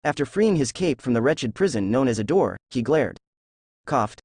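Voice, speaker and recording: Man, mid pitch, steady storytelling narration, dry close sound. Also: normal speed, slightly rough, dry recording. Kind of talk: reading fan fiction aloud.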